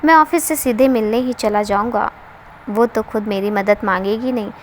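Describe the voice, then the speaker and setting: A protective young colleague worries and jokes in a storybook tale, read by a woman in her own voice. The voice stays fairly high and plain. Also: normal speed, slight background noise, lightly acted. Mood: determined.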